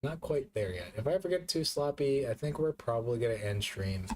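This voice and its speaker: A man on a live stream who has had a few drinks, talking loosely and circling back over his own words. His voice sits at an ordinary middle pitch. A faint hum of noise runs under him. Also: animated, fairly quick. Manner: loose, rambling, repeats himself. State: drunk. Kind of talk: casual live-stream chat.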